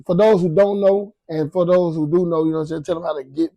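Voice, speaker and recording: A man's voice: a little high, steady tone, fast talker, warm tone, dry recording. A man hosting a podcast in a casual, slangy way, with plenty of swearing and verbal tags. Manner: slangy, heavy swearing, frequent "you know". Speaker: podcast host. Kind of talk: casual chat.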